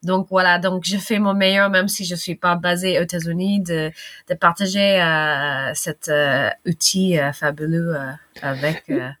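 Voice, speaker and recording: A woman's voice: lowish voice, steady tone, unhurried, a bit bright, no echo. A middle-aged American woman from the western United States, speaking French as a second language as an interview guest, hesitant with many fillers and frequent laughter. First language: English. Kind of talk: casual interview talk.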